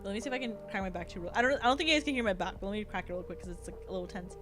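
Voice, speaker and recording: A woman's voice: mid-range voice, racing, music in the background. A woman streamer, informal and giggly, chatting casually and reading a game's narration aloud. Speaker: game streamer. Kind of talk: casual chat and read-aloud narration of a game.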